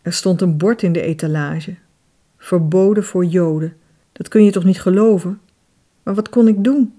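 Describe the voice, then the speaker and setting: A woman reading an audiobook voices an anxious mother whose voice rises high and pained. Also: moderate pace, mellow, natural voice. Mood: gloomy. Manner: high-pitched, anguished cries. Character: mother, anxious and easily frightened.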